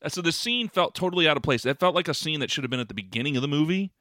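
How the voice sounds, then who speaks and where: A man co-hosting a podcast in a casual chat, talking in an animated, rambling, exclamatory way. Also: on the high side, very fast, no echo. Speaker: podcast co-host.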